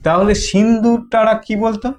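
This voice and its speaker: A man's voice: high voice, fairly even intonation. A man with a Bengali accent teaching a history lesson, asking questions and answering them himself, with many repeats and restarts. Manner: halting, restarts phrases.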